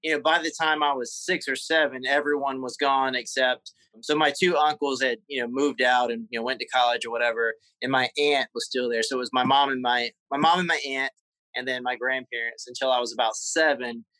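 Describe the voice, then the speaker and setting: A man with a Southern US accent, a guest in a personal interview, talking haltingly with many fillers and repeated words. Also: medium pitch, fairly even intonation, sharp tone, no echo, rough recording. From South Carolina.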